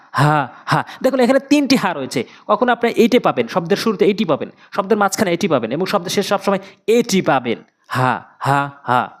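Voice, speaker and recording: A Quran recitation teacher gives a tajweed pronunciation lesson. The teacher drills each letter sound slowly, repeating it several times, and earnestly urges viewers to pay attention. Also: medium pitch.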